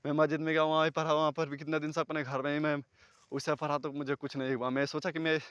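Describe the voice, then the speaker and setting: A man talking to the camera outdoors at night, far from any houses, rambling and earnest, at times loud and a little scared. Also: a little high, flat delivery, quick pace, smooth, no room sound. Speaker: vlogger. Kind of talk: casual talk to camera.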